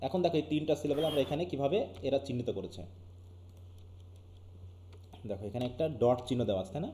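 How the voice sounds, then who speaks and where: A man's voice: mid-range voice, animated, fast talker, warm tone, roomy sound, a little hiss or hum. A man with a Bangladeshi Bengali accent teaching an online English class, often asking his students questions. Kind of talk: live online class lecture.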